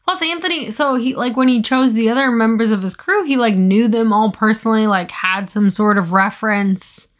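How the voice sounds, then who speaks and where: A woman's voice: fairly high pitch, normal speed, few pauses. A woman co-hosting a podcast, chatting casually and teasingly, with lots of filler "like". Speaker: podcast co-host. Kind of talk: casual chat.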